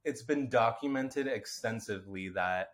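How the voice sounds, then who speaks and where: A man's voice: medium pitch, normal speed. A man co-hosting a podcast in casual chat, rambling with lots of fillers and casual swearing, and a slightly nasal voice. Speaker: podcast co-host.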